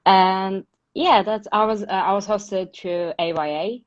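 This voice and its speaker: A young Turkish woman with a mid-range, slightly slow voice chats casually with a guest over a video call, peppering her speech with "like" and "uh." She's interviewing on a livestream, and the audio is dull and lo-fi.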